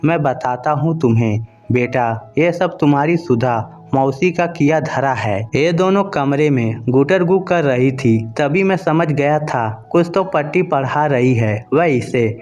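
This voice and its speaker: A man's voice: on the high side, animated, a little slow, few pauses, darkish tone, dull audio, faint music behind. A man voicing a stern, fair-minded elderly father. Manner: stern, scolding.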